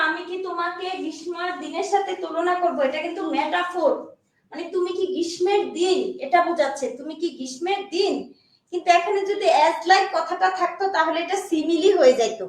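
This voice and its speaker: A woman teaching English literature as a classroom lecture, explaining step by step and often checking that students follow. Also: very high-pitched. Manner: explains slowly, checks understanding with repeated questions. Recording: echoey room, voice from far off.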